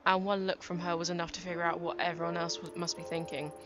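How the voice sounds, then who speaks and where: Brief: grieving young woman detective, read by a woman gamer, low and halting. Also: level tone, lightly acted. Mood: somber. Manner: somber inner monologue, read aloud haltingly. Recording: game music behind.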